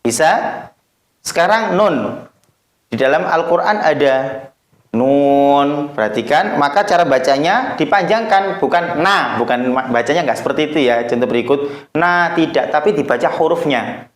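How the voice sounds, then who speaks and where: A man teaching a recorded Quran reading lesson, explaining slowly and drawing out the letters in long chanted examples. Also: fairly high pitch, animated, reverberant.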